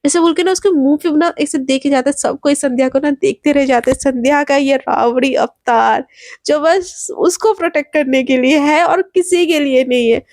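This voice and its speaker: Brief: animated female storyteller, high and mellow, dry close sound. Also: moderate pace, dry recording. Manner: animated, dramatic, mixes in english words. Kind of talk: casual spoken storytelling.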